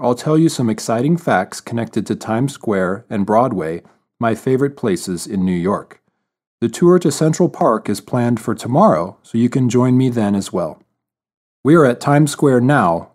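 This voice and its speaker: A man's voice: mid-range voice, a little mellow, natural voice. A man voicing a cheerful male city tour guide in a scripted exam listening text. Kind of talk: scripted exam dialogue reading.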